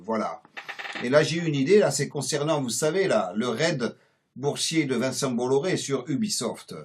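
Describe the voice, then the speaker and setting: A man playing a husky, nap-loving joker with a Marseille accent. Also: mid-range voice, lightly acted. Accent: put-on Marseille accent. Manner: rambling, folksy, full of interjections. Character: laid-back self-styled Mexican man who loves naps. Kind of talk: satirical comic monologue.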